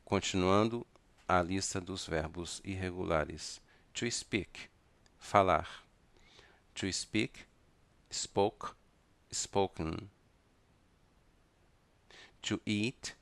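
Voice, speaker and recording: A man with a Brazilian Portuguese accent teaching an English grammar lesson, speaking deliberately and spelling words out letter by letter. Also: low voice, a bit bright, no echo.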